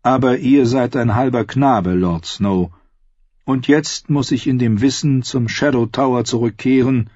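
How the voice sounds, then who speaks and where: A man's voice: mid-range voice, a little mellow, no echo, muffled recording, pitched above the performer's own voice, natural voice. A man voicing a tired old knight who speaks politely and with resignation. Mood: resigned. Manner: polite, measured.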